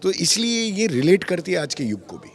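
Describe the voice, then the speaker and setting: A man being interviewed about an acting role, telling lively stories, acting out quoted lines and mixing in English phrases. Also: sits high, moderate pace. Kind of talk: animated storytelling interview.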